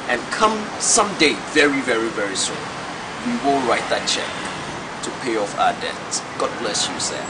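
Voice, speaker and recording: A man's voice: medium pitch, big pitch swings, moderate pace. A man from Ghana giving an emphatic, effusive birthday tribute. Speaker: stage play producer and admirer. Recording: loud traffic and air-con noise behind.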